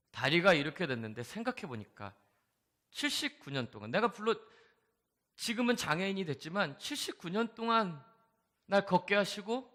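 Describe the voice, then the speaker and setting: A woman's voice: medium pitch, fairly bright tone, long reverb tail, voice pushed up. A man voicing a repentant woman in her seventies who uses a wheelchair, praying in a pleading, tearful way. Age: 70s. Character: elderly woman church deaconess in a wheelchair, repentant.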